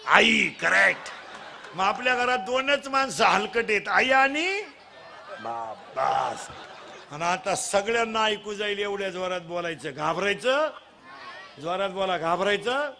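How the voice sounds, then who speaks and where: A middle-aged man preaching a comic devotional kirtan, teasing children and drilling them in loud call-and-response. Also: high voice, expressive, measured pace, a faint crowd, slight background noise.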